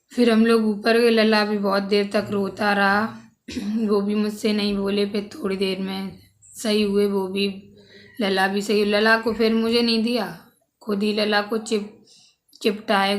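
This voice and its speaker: A young woman vlogger earnestly recounting a personal family story, close to tears at times. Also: medium pitch.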